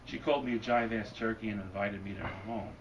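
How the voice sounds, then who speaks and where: Heard from afar on a distant mic, a fast-talking man reads his own hard-boiled fiction at a bookstore, then does a Q&A, his low, gravelly voice wry and deadpan though it's wearing thin. The lo-fi recording catches a noisy room and audience laughter.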